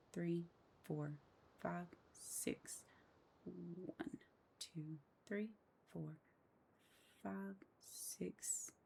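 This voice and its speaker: Woman, low and gravelly, unhurried tutorial voice-over, counts steps aloud, busy key clicks behind. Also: slight background noise. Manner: counts steps aloud under her breath. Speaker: game building tutorial host. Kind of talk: casual step-by-step voice-over. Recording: loud mouse and keyboard clicks.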